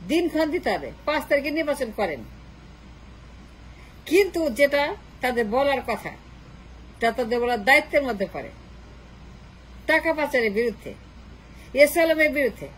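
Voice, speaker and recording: Mocking high-voiced woman commentator. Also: fairly bright tone, slight background noise, low-quality recording. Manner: repetitive, mocking rhetorical questions. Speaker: political commentator. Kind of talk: political monologue.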